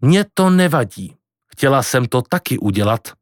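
A man reading an audiobook and voicing a middle-aged mother who speaks calmly and seriously. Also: mid-range voice, no room sound, clean studio sound, close to an everyday voice. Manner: calm, measured, serious.

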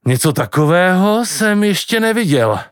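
A man's voice: high-pitched, big pitch swings, smooth, dry recording, studio quality, voice pushed up. A man voicing a curious, cheerful young boy with short, plain replies.

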